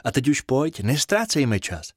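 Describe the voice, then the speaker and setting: A man voicing a kind female bubble fairy who speaks softly and reassuringly. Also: mid-range voice, very animated, no echo, studio quality. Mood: gentle.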